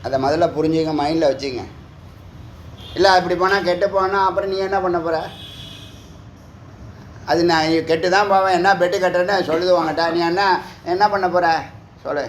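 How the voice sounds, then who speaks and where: A man delivers a spiritual talk, firing rhetorical questions at his listeners and scolding them with a teasing edge. His voice sits fairly high. It rings in an echoey room over a faint hum of background noise. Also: moderate pace, pauses often. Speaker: spiritual teacher. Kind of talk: Tamil discourse on scripture.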